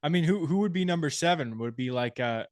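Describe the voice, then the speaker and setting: Male co-host, fairly high voice, close dry sound, thinks out loud. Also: animated, no echo. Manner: thinks aloud, restarts phrases, measured opinions. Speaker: podcast co-host. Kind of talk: casual sports chat.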